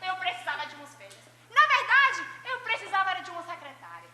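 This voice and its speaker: A woman acts out a self-pitying, overworked church secretary, grumbling in a very high, very bright whine throughout a comic church skit. The voice rings through a long, echoey hall, and a faint audience can be heard behind her. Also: very animated, fast, a little hiss or hum, full character voice. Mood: complaining. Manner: whiny, self-pitying complaining with laughs.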